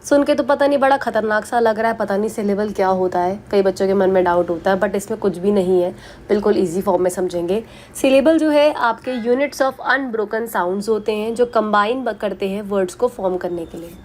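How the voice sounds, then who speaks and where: A woman teaching English grammar for exams, explaining patiently in a mix of Hindi and English and repeating the example words slowly. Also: mid-range voice, darkish tone, a little hiss or hum.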